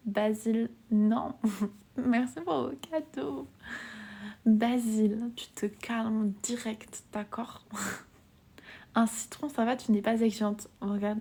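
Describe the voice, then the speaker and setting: A young woman from France chats with her live-stream viewers in a soft, breathy voice that often sinks to a whisper. She talks casually in slang and giggles often. Her voice sits a little high.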